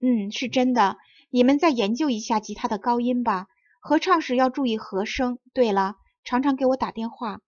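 A woman voicing a mild, gently teasing young man who plays guitar. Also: a little high, normal speed, few pauses, no echo, muffled recording, close to an everyday voice. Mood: gentle.

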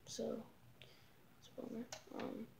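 A woman's voice: slow, mellow, slight background noise. A woman giving casual let's-play commentary, rambling with lots of fillers in an easygoing way. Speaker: gamer.

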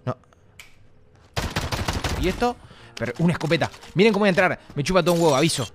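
A young Argentine man streaming a shooter game live, chatting excitedly and swearing at the game. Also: fairly high pitch, fast talker, background noise. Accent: Argentine Spanish. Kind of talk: live gameplay commentary. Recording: game music and gunfire behind. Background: game music and gunshots.

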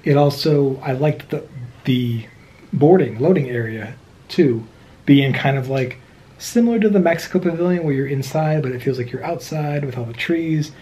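A man in his thirties chatting casually on a travel vlog, agreeable and quick to back up his partner. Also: mid-range voice, warm tone, poor audio. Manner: agreeable, backs his partner with short yeahs. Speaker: travel vlogger. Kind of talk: casual chat.

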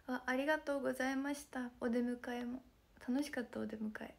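Young woman, slightly high voice, hoarse and worn, chatty livestream talk that keeps sinking to a whisper, phone mic. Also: steady tone, a little fast. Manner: soft, chatty, often slips into a whisper. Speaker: idol group member streaming to fans. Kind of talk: casual livestream chat.

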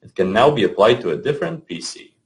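A man narrating a scripted software tutorial, giving clear step-by-step instructions with the odd small slip. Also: mid-range voice, very animated, fast.

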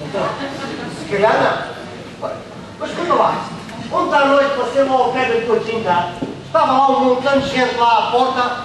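A man's voice: very high voice, moderate pace. A man playing a nosy teasing friend. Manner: teasing, prodding questions. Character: nosy middle-aged friend, teasing and curious. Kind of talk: live stage comedy sketch. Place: large community hall stage. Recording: echoey hall, far mic, noisy.

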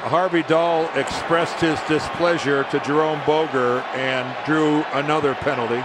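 A man's voice: on the high side, steady tone, a little slow. A man giving live TV football commentary. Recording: noisy broadcast over stadium crowd. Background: loud stadium crowd.

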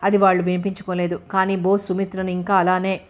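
A woman narrating a novel as an audiobook and reading every character's lines herself in an even storytelling voice. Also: lowish voice, fast talker.

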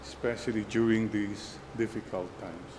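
A man serving as priest, leading the Mass in a measured, solemn prayer cadence at a pulpit microphone. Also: lowish voice, steady tone, background noise. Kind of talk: leading liturgical prayer and exhortation.

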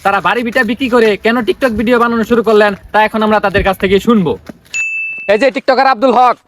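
A man's voice: high-pitched, fast, natural voice. A man playing an earnest parody TV field reporter, speaking formally in a live report on a noisy track.

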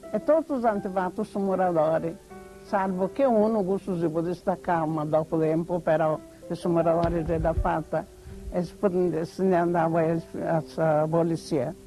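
An older woman with a Sardinian accent gives a halting, plainspoken account of family life. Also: fairly low pitch, fairly even intonation, dark tone, faint music behind, poor audio. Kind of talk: personal testimony.

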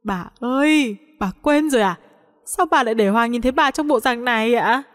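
A woman's voice: a little high, in a large hall, close to an everyday voice. Brief: woman voicing a nervous young man covering things up, storybook. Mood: evasive. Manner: nervous, hurried deflecting. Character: flustered young man hiding a secret.

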